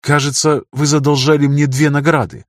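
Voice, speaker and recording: A man's voice: on the high side, flat delivery, normal speed, no echo, clean studio sound, voice pushed up, close to an everyday voice. A man voicing a stubborn, wounded male arena fighter who answers defiantly through gritted teeth, in an audiobook. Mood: cheeky.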